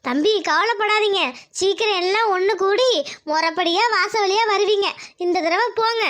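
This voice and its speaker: A woman's voice: very high voice, moderate pace, a bit bright. A woman voicing a bossy older village woman in a cartoon, scolding and coaxing.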